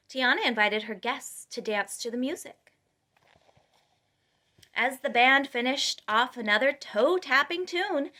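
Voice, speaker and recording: A storytime reader reads a children's storybook aloud, her bright, forward voice pitched a little high. She narrates expressively, placing clear emphasis.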